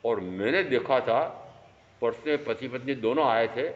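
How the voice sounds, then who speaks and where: A man in his fifties giving a sermon as a Jain monk, animated and throwing rhetorical questions at his listeners. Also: medium pitch, normal speed. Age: 50s. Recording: echoey hall, dull lo-fi sound.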